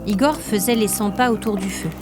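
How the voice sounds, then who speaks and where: A woman with a mid-range voice narrates scripted fiction as a storyteller, her phrasing measured and literary, over music.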